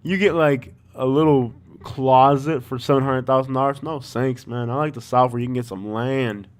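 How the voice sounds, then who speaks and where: A man's voice: medium pitch, fairly even intonation, moderate pace. A man with a Miami accent hosting a livestream, chatting informally and thinking aloud as he comments. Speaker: livestream host. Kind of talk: casual chat, live commentary on property listings.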